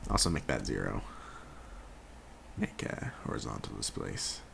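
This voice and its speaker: Laid-back young man with a deep voice. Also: sing-song, measured pace, creaky, fairly bright tone, slight background noise. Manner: laid-back, jokey, self-correcting, talks while working. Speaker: tutorial host. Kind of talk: casual screen-recorded software tutorial.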